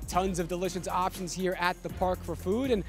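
An energetic young man hosts a pregame baseball show with a bright, high-pitched voice. His scripted delivery is punchy and promotional, and faint music plays underneath him. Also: moderate pace. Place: ballpark concourse and museum.

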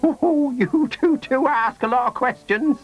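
A man's voice: extremely high pitch, unhurried, highs cut off, voice pushed up. A man voicing a bossy but fond old grandmother in a children's radio story. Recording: faint music behind.

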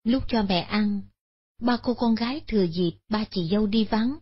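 A woman narrating a Buddhist moral story in a steady, solemn manner. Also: mid-range voice, normal speed, breathy edge. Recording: dull lo-fi recording.

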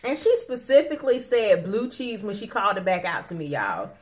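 Speaking fairly quickly in a mid-range, sing-song voice, a woman in her thirties chats and complains to viewers while hosting a casual mukbang. She sits at a dining table in her home living room, and a camera across the table captures the noisy home recording.

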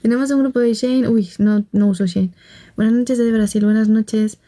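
A woman's voice: a little high, fairly even intonation, moderate pace, warm tone. Giggly young Spanish woman on a livestream. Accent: Spanish from Barcelona. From Spain. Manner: giggly, laughs often, gossipy storytelling. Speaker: livestream host. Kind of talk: casual livestream chat, reading comments. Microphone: phone.

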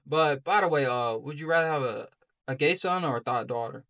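A man's voice: mid-range voice, a little fast, fairly bright tone. A young American man giving casual reaction commentary as a video host, close on a desk microphone. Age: young adult. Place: indoor home streaming setup. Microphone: close desk microphone with headset.

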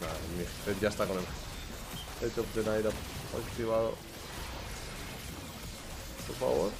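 A man's voice: fairly low pitch, steady tone, normal speed, noisy background. A young man with a Spain Spanish accent giving live commentary while he streams a game, swearing, grumbling and pleading over and over.

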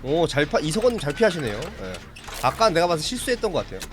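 A chatty man talks with his stream viewers while he plays, answering chat and reacting to the game. His pitch sits a little high and swings widely. A faint noise runs under the recording. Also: big pitch swings, quick pace. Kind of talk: casual live-stream chat while playing.

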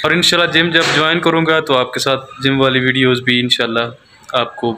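A man in his thirties chatting casually to his phone held at arm's length, relaxed and hesitant, dropping in pious phrases. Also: mid-range voice, a little fast. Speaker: vlogger. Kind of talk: casual vlog to camera. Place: outdoors at night by a house. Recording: phone recording with noisy street ambience.

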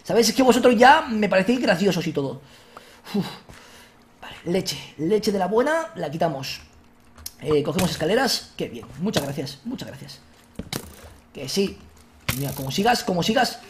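A man with a Spain Spanish accent hosting a let's-play, excitable, shouting at enemies and joking with viewers. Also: sits high, moderate pace, long pauses, noisy background. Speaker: gaming video host.

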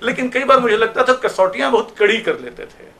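A man's voice: very high-pitched, animated, a little fast, bright, forceful tone. A man giving a reflective memorial talk to an audience, reminiscing through anecdotes. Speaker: speaker at a memorial meeting. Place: auditorium.

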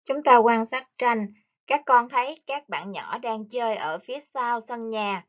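A woman teaching English to young children, speaking slowly and carefully and repeating each word for them to copy. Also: on the high side, muffled recording. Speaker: primary school English teacher. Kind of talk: online lesson for young children.

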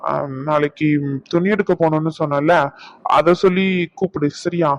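A man voicing a young hospital worker in a cartoon; he talks in a brisk, bossy way and mixes in English words. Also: on the high side, steady tone, dry recording, close to an everyday voice, poor audio. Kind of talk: cartoon voice acting.

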